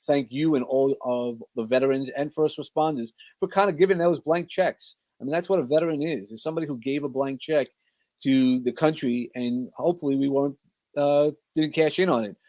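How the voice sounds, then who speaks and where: A middle-aged man from Brooklyn, New York, with a matching accent, guests on a podcast as a coach and speaker, telling personal stories in a rambling, informal way and often breaking off to rephrase. His mid-range voice has a darkish tone, and the recording is rough.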